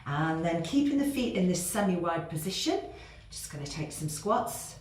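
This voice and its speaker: Leading a workout, a female fitness instructor calls out moves while exercising and growing breathless. Her voice is on the low side and expressive, at a moderate pace, recorded in a very echoey room with faint noise.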